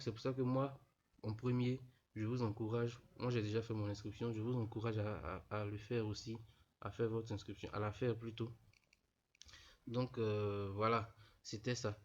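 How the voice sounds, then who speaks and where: A young man guides students through an online registration in a casual screen tutorial, speaking to them informally and repeating himself a lot with plenty of "voilà." He has a cold that makes him stuffy, and his medium-pitched, darkish voice is recorded as a dull, lo-fi voice-over.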